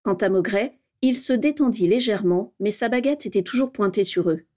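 A woman reading a story aloud with steady, expressive narration. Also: mid-range voice, fairly quick. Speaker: reader.

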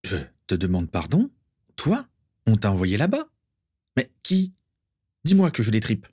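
A man's voice: on the low side, huge pitch swings, unhurried, dark tone, husky, dry recording, exaggerated voice. A man playing a proud, tense young wizard.

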